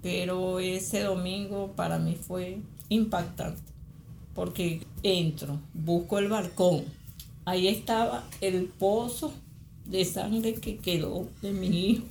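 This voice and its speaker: A middle-aged Venezuelan woman giving spoken testimony as a mother, halting and repeating phrases. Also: fairly low pitch, fairly even intonation, gravelly, a little mellow, reverberant, slight background noise. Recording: interview with music underneath.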